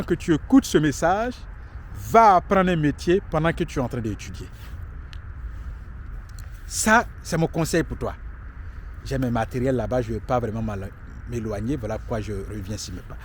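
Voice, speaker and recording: A man in his late thirties, somewhere in his 30s, stands on a city street outdoors and talks to camera with motivational life advice. His voice is on the high side with lively intonation and a moderate pace, and there's a little hiss or hum. He's emphatic and preachy, repeating himself for stress.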